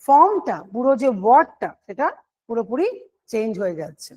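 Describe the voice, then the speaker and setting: Woman, high-pitched, patient exam-prep teacher who explains step by step. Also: big pitch swings, brisk, darkish tone. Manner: explains step by step, asks and answers her own questions. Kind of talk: online exam-prep grammar lesson.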